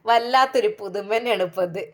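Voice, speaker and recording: A woman's voice: on the high side, fast, natural voice. A woman voicing an older, motherly matriarch who asks coaxing, fussing questions, with a Malabar Malayalam accent. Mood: concerned. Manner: warm scolding, coaxing questions.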